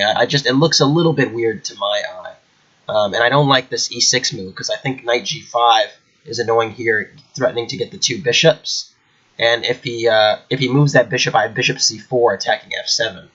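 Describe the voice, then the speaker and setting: A man with a cold sounds a bit nasal and stuffed up as he chats at home for his chess channel, rambling with plenty of fillers. His voice is medium in pitch, moderately paced and a bit bright, captured in dull audio.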